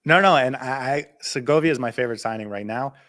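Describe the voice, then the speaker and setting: Excited man talking soccer fast. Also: medium pitch. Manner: excited, rapid, runs out of breath. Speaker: podcast co-host. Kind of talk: casual chat.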